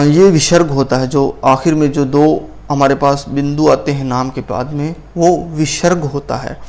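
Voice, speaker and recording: A man teaching pronunciation in a patient lesson, drawing out sounds and repeating them for practice. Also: on the high side.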